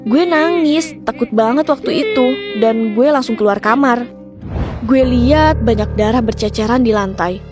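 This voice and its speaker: A woman's voice: on the high side, normal speed, music in the background. A young adult woman from Indonesia with speech, telling a personal story casually in the first person.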